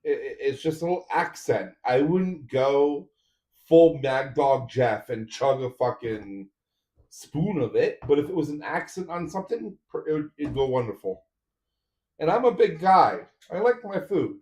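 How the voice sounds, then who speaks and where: A man's voice: a little high, expressive, measured pace, a little mellow. A man streaming a 3D printer build, chatting casually with viewers while he assembles parts. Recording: roomy echo.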